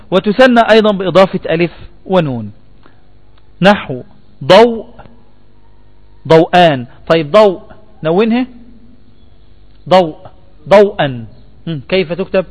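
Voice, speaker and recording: Teaching spelling to a class, this man speaks in a high register with an Egyptian Arabic accent. He quizzes the students and repeats what they answer.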